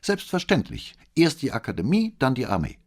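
A man reading in the voice of a haughty young cadet, curt and irritated. The delivery swings in pitch, with a slightly husky edge. It is heard in an audiobook scene. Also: huge pitch swings, moderate pace. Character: arrogant young male military cadet.

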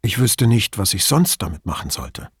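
A calm police commissioner in an audiobook, as a male narrator plays him, a little lower and softer than the narration. He answers in a quiet, measured way, holding back. The sound is dry and close. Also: breathy edge, no echo, heavily acted. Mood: restrained.

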